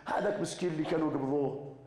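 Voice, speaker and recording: A man with a Moroccan Arabic accent preaching a fervent sermon, firing rhetorical questions and swinging from hushed words to shouting. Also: on the high side, fairly even intonation, very fast, a little hiss or hum. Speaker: preacher giving a lesson. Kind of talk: impassioned sermon. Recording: echoey hall with long reverb.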